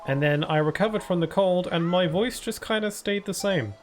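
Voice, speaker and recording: Here a high-pitched man streams a game at a moderate pace, with slight background noise. He reads out and answers viewer chat casually, stumbling through fillers and restarts in the voice he describes as a permanent cold voice.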